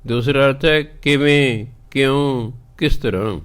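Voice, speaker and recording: A man's voice: mid-range voice, a bit bright, smooth. A man preaching a scripture exposition, who chants verses and carefully explains their pronunciation and meaning. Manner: slow, deliberate teaching, corrects pronunciation.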